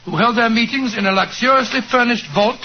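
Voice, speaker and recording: An actor playing a genial, avuncular doctor telling a story in a 1940s radio drama. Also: male voice, very high voice, brisk. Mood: storytelling. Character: genial older doctor, Holmes's friend and narrator. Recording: dull old radio broadcast with hiss.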